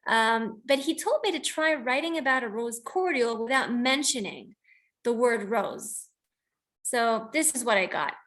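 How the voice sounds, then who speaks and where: On an online video call, an American woman hosts a poetry reading and shares her own poems, introducing them in a casual, reflective, explanatory manner. Her voice sits on the high side and sounds fairly bright, with lively intonation and a measured pace.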